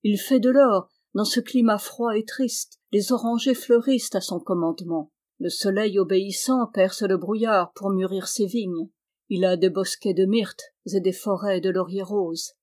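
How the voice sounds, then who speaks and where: A woman reading the lines of a proud, pale young baron with a grave, measured manner. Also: mid-range voice, steady tone, darkish tone, natural voice.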